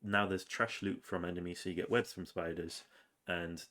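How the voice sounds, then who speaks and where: Sniffly from a cold, this game developer casually talks through his game's progress while playing. His voice is deep and his pace moderate, and he wanders along with plenty of ums and uhs.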